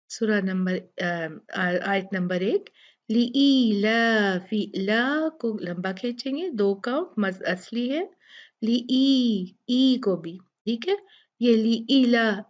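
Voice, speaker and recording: A woman teaching Quran recitation rules, drawing out each word slowly, then explaining it and answering her own questions. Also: medium pitch, highs cut off. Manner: drawn-out recitation of words between quick explanations; corrects common student mistakes, asks and answers own questions. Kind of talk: step-by-step recitation lesson.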